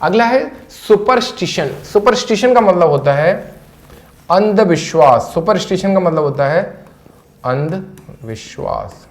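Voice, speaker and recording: A man's voice: sits high, animated, normal speed. Hindi-accented man drilling English vocabulary. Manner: repetitive, drilling each word several times. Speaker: English teacher. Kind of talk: vocabulary lesson to camera. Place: classroom with a board.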